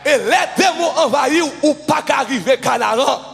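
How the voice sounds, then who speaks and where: High, gravelly Haitian-accented preacher. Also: male voice, lively intonation, normal speed, some chatter behind, slight background noise. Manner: fervent preaching, shouting and sing-song chanting. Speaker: pastor. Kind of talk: sermon. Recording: reverberant hall with music. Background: music.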